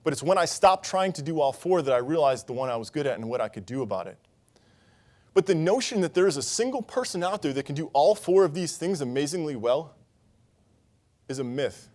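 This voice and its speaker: A man's voice: fairly high pitch, big pitch swings, brisk, a little mellow. A young man giving a conference talk, telling a personal story in an earnest way on a conference stage. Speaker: conference speaker.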